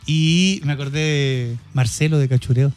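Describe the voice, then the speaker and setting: A man's voice: mid-range voice, moderate pace, a little mellow, clean tone, faint music behind. A Chilean man co-hosting a podcast, chatting and joking loosely with plenty of slang. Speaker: podcast co-host. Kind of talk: casual chat.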